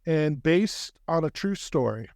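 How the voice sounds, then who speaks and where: A man's voice: on the high side, animated, a little slow, darkish tone, no echo, studio quality. A man hosting a podcast, introducing his guest in an upbeat, enthusiastic way. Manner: upbeat and enthusiastic, laughs easily. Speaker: podcast host. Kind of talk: casual podcast chat.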